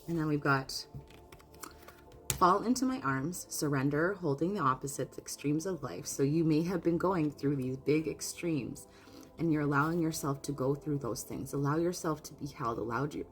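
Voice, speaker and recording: Low-voiced earnest woman reading spirit messages. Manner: earnest and openly emotional, with frequent restarts. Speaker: spiritual card reader. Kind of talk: casual spoken oracle reading.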